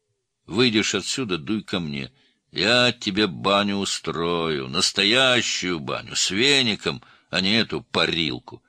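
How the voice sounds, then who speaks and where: A sly, prying cellmate, voiced by a male audiobook reader, his voice lifted a little above the narration and swinging through a lively, animated pitch. The tone is bright and forceful, full of falsely friendly probing. Heard close and dry. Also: unhurried, dry recording, full character voice. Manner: prying and falsely good-natured, raised voice.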